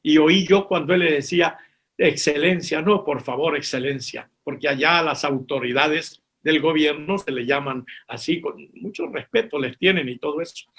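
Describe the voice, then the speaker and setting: A man's voice: on the high side, moderate pace, vocal fry, hardly any pauses, fairly bright tone. A reverend telling a missionary testimony from the pulpit, speaking with strong emotion, repeating his words and calling his listeners brothers and sisters.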